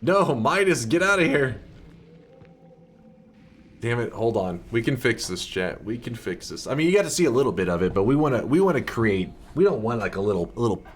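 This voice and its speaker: A man streaming live gameplay on a headset mic, thinking out loud and swearing casually. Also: medium pitch, sing-song, brisk, a little hiss or hum.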